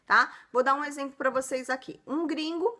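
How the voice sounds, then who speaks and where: A woman teaches in a chatty, encouraging video lesson to camera. Her voice sits high and sounds bright and crisp. She keeps checking in with her audience through short tag questions. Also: moderate pace. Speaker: English teacher and channel host.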